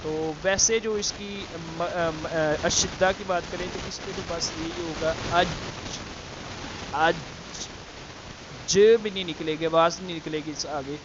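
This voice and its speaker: A man teaching Quran letter pronunciation, explaining slowly with many fillers and repeating the letter sounds to demonstrate. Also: a little high, steady tone, highs cut off, background noise. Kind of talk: tajweed lesson with demonstrations.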